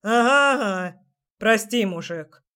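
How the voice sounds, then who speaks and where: A woman voicing a pushy, stubborn young man who drawls his teasing, mocking lines in a lower, gruff tone. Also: measured pace.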